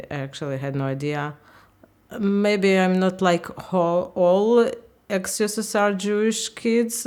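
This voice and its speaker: A woman in her fifties from Ukraine, speaking English, talks haltingly in a candid interview and often searches for words. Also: fairly low pitch, clean tone. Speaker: interviewee, language teacher.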